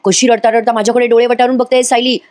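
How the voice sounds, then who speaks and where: A man's voice: very high-pitched, flat delivery, fast, a little mellow, voice pushed up. A woman reading the lines of a caring young husband in a coaxing, playful way. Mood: teasing.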